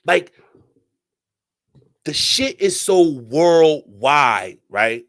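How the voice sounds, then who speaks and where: A man with a fairly high voice hosts his own talk radio show. He rants in a profane, animated way and keeps firing rhetorical questions at his listeners. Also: extremely slow. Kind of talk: solo ranting talk show.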